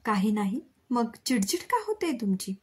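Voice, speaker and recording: A woman voicing a caring middle-aged mother and wife in a storybook reading, with a breathy voice. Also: a little high, big pitch swings, moderate pace. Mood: coaxing.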